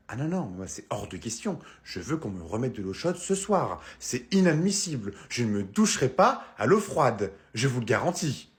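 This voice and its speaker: A man's voice: medium pitch, lightly acted. A man playing a fussy hotel guest who has lost his voice, complaining with pompous outrage in a sketch. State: hoarse, low on voice. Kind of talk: sketch comedy role-play.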